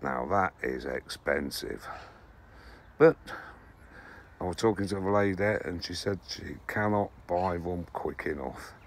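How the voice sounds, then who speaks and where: Unhurried and deep-voiced, an allotment gardening vlogger from England in his sixties rambles to camera about his harvest in a casual chat, frequently correcting himself. A little hiss or hum accompanies the recording, made partly outdoors among the greenhouses and plots.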